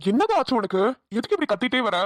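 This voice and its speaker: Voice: high-pitched, sing-song, fast talker, no echo. A voice actor playing an impatient, dismissive younger brother in a cartoon. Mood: puzzled. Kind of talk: cartoon voice acting.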